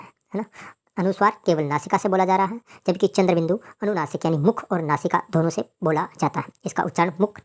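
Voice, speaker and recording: Low-voiced woman teaching a grammar lesson. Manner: asks questions and answers them herself. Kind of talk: classroom grammar lecture.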